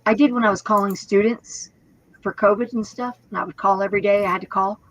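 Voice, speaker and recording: A woman's voice: mid-range voice, steady tone, fast talker, dry recording, low-quality recording. A woman in her fifties chatting casually as a co-host, rambling with restarts and laughs. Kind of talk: casual chat on a live stream.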